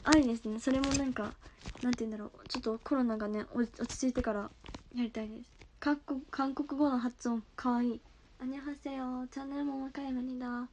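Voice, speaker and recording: A woman's voice: on the high side, fairly even intonation, quick pace, a little mellow, a little hiss or hum. A young woman streaming live from home, chatting casually and giggling as she reacts to viewer comments on her phone.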